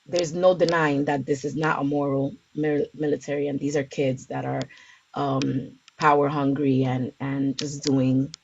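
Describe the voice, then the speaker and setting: A Bronx, New York community organizer with a rumbling low, gravelly, darkish voice speaks a little slowly in a level tone. As an interview guest she answers casually and hesitantly, searching for words, on dull lo-fi audio with background noise and clicks.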